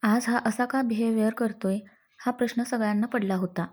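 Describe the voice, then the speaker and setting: A woman's voice: a little high, fairly even intonation, normal speed, darkish tone. A woman narrating a dramatic family story, reading each character's lines in her own voice. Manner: reads every character's dialogue herself without changing voice.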